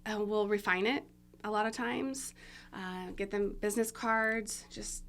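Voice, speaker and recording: Chatty woman on a podcast, bright voice, lots of ums and laughs. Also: medium pitch, fairly even intonation, a little slow. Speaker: marketing agency guest. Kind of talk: casual podcast interview. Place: room, eating during recording. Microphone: podcast mic.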